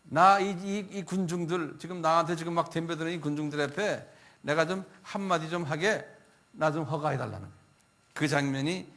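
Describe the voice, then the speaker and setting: A male pastor giving a Bible lecture, telling the story in a conversational way and often asking his listeners questions. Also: a little high. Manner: animated storytelling, acting out biblical quotes; conversational, asks the audience questions.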